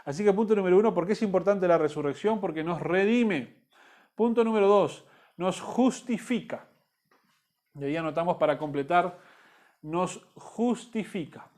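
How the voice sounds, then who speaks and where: A man's voice: high-pitched, fast talker, darkish tone. A man teaching a church discipleship Bible class in Rioplatense Spanish, repeating key points and checking in with the listeners.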